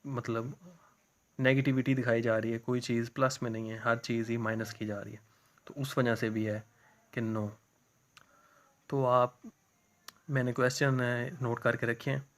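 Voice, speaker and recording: A male English teacher with a Pakistani accent explains a poem to a class, reading each English line slowly and then explaining it in Urdu. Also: medium pitch.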